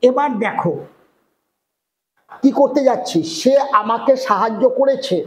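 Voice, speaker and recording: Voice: medium pitch, a little slow. A teacher giving a classroom grammar lesson, explaining step by step and often checking that the class understands. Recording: echoey room with faint noise.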